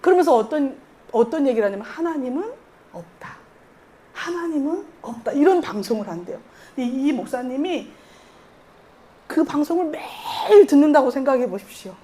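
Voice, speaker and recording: Woman pastor, sermon delivery, earnest storyteller, a touch high in pitch. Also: lively intonation, a little fast, dark tone. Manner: earnest, storytelling with quoted voices and light laughter.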